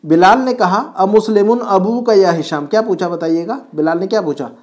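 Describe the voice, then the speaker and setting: A man's voice: high voice, normal speed, a little mellow. A man teaching an Arabic class from home, explaining each phrase patiently and quizzing his student.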